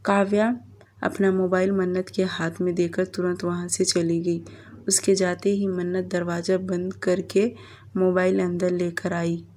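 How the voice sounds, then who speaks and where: Slow, flat-voiced woman storyteller. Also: on the low side, a little hiss or hum. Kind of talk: audiobook narration of a romance story.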